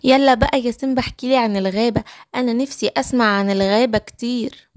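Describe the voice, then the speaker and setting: A woman voicing an eager young girl in a children's cartoon story, with an Egyptian Arabic accent and a lively, pleading childlike manner. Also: fairly high pitch, fast talker, noisy background, natural voice.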